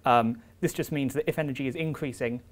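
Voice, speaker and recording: Speaking a little fast in a mid-range voice, a young man presents a seminar as a visiting researcher. In the lecture room he works through the material step by step, peppering it with ums and uhs.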